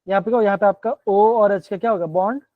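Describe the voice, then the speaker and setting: A man's voice: high-pitched, fairly even intonation, quick pace, no echo. Male chem teacher on an online class, keeps asking kids to answer, words, muffled dull stream, dry sound. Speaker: chemistry teacher.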